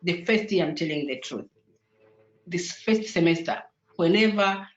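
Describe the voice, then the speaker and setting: A Tanzanian woman whose first language is Sukuma speaks as a guest on an online panel over a video call, with roomy, dull audio. Her voice is on the low side and measured in pace, and her hesitant speech is full of fillers and restarts.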